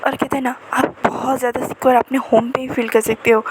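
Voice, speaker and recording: A woman's voice: high-pitched, flat delivery, fast, noisy background. A woman casually narrating a fan-fiction romance story in a chatty, conversational way.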